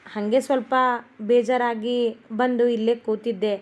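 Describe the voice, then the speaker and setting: A woman's voice: on the high side, flat delivery, measured pace, mellow, dull audio, close to an everyday voice. A woman reading the lines of an older village mother who has been crying and avoids the question. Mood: weary.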